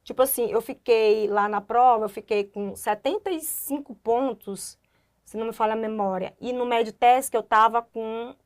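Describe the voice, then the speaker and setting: A young woman doctor, a guest in a casual interview, telling her story in an animated way and acting out the voices of people she quotes. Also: fairly high pitch, normal speed.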